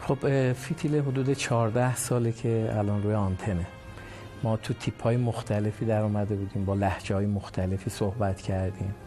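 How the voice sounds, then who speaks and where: A man's voice: lowish voice, steady tone, warm tone, faint music behind. A man from Iranian Azerbaijan, a comedy actor who is a guest on the show, earnestly explaining his side at length. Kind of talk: explanatory interview answers.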